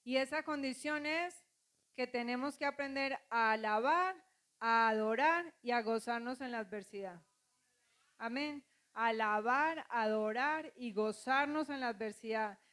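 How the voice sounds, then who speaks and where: High-voiced woman pastor preaching. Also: measured pace, a bit bright. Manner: preaching with call-and-response, acting out quoted voices. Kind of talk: sermon.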